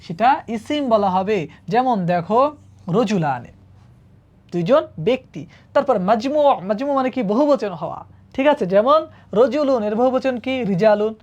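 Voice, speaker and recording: A woman's voice: on the high side, lively intonation, unhurried, darkish tone. Lady teaching grammar, keeps asking the class questions, sound a bit muffled. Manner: patient, asks the class questions and often checks with "ঠিক আছে?". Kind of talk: classroom lesson on a whiteboard.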